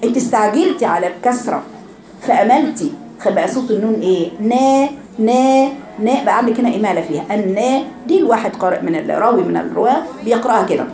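A woman with a medium-pitched, darkish voice speaks very fast and expressively, teaching Quran recitation rules to a class of girls in an Egyptian Arabic accent. She draws out syllables as she drills pronunciation in this classroom tajweed lesson, recorded in an echoey room with a little hiss or hum.

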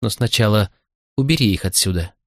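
A man's voice: fairly low pitch, fairly quick, no echo, clean studio sound. A man voicing a desperate, pleading captive Roman noblewoman in an audiobook, his tone raised and urgent.

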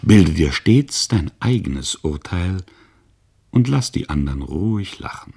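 A kindly older philosopher, read by a man, gentle and encouraging, with a very deep, gravelly voice. He speaks tenderly, with a husky grain to the tone. It sounds like a figure in a storybook reading. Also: big pitch swings, measured pace, full character voice. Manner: tender, reassuring.

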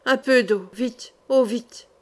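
A woman's voice: a little high, slow. Woman voicing a starving, faint knight. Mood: pleading. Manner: faint, strained and courteous. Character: starving exhausted courtly male knight.

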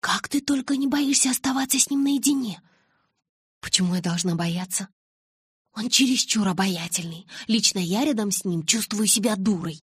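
A woman voicing a nosy, excitable teenage schoolgirl who pries eagerly for gossip in an audiobook. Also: mid-range voice, normal speed, breathy edge, no echo, clean studio sound, pitched above the performer's own voice. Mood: curious. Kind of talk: audiobook character reading.

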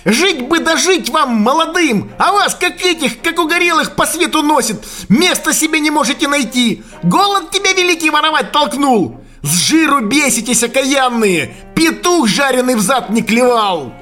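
A man reading an audiobook and voicing a gruff, scolding old Siberian hunter who speaks in loud, folksy exclamations. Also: extremely high pitch, sing-song, normal speed, faint music behind, pitched above the performer's own voice, exaggerated voice.

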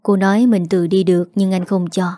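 Warm-voiced woman narrating a story. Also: mid-range voice, level tone, brisk, dry recording, clean studio sound.

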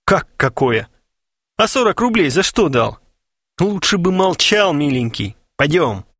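A sly, mocking young schemer from an audiobook, his speech lively and swinging with sarcasm. A male reader voices him. The sound is dry and close. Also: on the high side, measured pace, no room sound, pitched above the performer's own voice, full character voice. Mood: scolding. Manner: teasing, sarcastic. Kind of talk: audiobook character voice.

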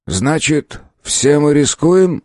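Older male professor, brisk and authoritative, voiced by the male narrator; lively rises, dry studio read. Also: fairly high pitch, no room sound, voice pushed up. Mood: grave.

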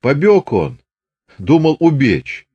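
A man's voice: a little high, sing-song, slow, darkish tone, slightly rough, dull audio, pitched above the performer's own voice, heavily acted. A man reading an audiobook voices a cold, defiant Cossack soldier who snaps back insolently. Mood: sneering. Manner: sneering, defiant.

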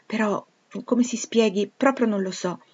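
A woman's voice: mid-range voice, a little slow, darkish tone, slightly rough, highs cut off, pitched above the performer's own voice. Woman reading a cautious elderly widow housekeeper. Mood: earnest.

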